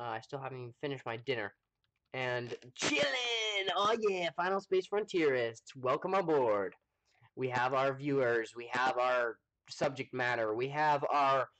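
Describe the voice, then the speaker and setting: A man with an American accent chatting casually to viewers during a live game stream, rambling with lots of fillers and pausing to eat. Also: mid-range voice, fairly bright tone. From United States. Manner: rambling, chatty, full of fillers, talks while eating. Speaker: livestreamer playing a space game.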